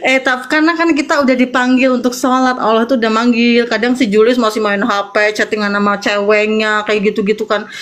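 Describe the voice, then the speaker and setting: Woman, slangy storytelling, repeats herself, higher voice. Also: level tone, fairly quick, hardly any pauses, a bit bright. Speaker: guest. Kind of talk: casual chat, personal testimony.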